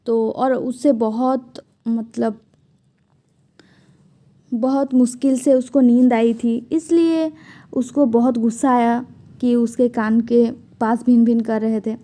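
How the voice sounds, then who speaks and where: A woman's voice: a little high, fairly even intonation, takes it slowly, dark tone. A woman teacher reading a children's story aloud and then retelling it in simple everyday words.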